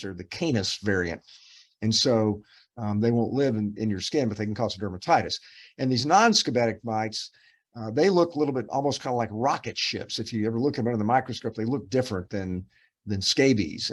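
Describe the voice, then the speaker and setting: Man coaching residents through cases. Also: fairly low pitch. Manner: explanatory, coaching, many restarts and fillers. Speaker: dermatopathology teacher hosting case review. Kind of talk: teaching a case review online.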